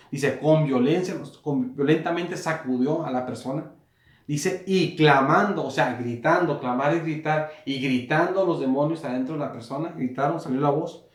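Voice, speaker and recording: A man's voice: on the high side, fairly quick, few pauses. Preaching man in an echoey room. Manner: repeats and rephrases, rises to loud emphasis on quoted words. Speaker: pastor. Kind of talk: sermon. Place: small room.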